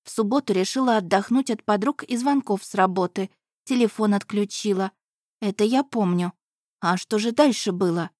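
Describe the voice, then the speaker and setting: A woman's voice: medium pitch, normal speed, a little mellow, no echo, studio quality. A woman narrating an audiobook in the first person with a wry, sardonic tone.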